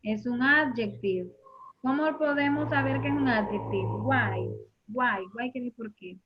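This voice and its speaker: High-voiced patient woman teaching a class. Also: a little slow, a little hiss or hum. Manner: patient, repeats and quizzes students. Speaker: English teacher. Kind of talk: classroom lesson. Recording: muffled lo-fi recording.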